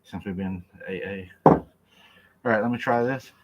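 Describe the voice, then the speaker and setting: An Oklahoma man hosts a laid-back livestream, eating while he jokes, laughs, and reads viewer comments out loud. His voice sits fairly low and moves at a moderate pace. The recording is very noisy.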